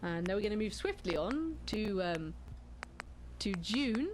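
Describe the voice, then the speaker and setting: Deadpan woman podcast host. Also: mid-range voice, a little slow, noisy background. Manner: dry, deadpan, self-mocking, with hesitant fillers. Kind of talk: comic role-play podcast hosting.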